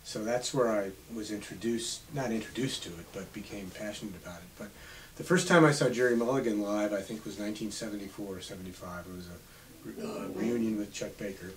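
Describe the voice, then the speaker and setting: A man in his seventies, an author being interviewed on radio, telling unhurried stories from his past. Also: on the low side. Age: 70s. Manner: reminiscing, unhurried storytelling. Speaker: author guest. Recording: slightly distant mic with faint hiss.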